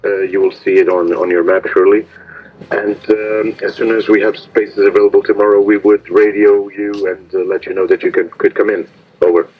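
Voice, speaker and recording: A man's voice: on the low side, flat delivery, a little fast, breathy edge. A man working as a marina radio operator, speaking courteously and procedurally over VHF marine radio. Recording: muffled marine radio transmission.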